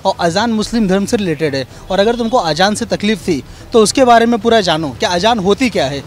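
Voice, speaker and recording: During a street interview, a man with an Indian accent, a member of the public, argues his opinion emphatically and repetitively in this vox pop. His voice is high-pitched with lively intonation, a little fast, with slight background noise.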